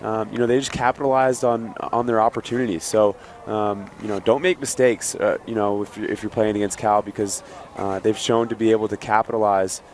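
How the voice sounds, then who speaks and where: A man's voice: fairly low pitch, steady tone, brisk, darkish tone, slight background noise. A man giving color analysis on a lacrosse game, hesitant and full of fillers. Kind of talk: live sports color commentary.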